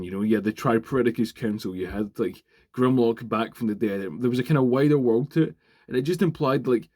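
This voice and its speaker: A man, chatting casually and excitedly while unboxing and reviewing a toy, swearing freely as he rambles. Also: on the low side, breathy edge. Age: 20s. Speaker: toy reviewer, channel host.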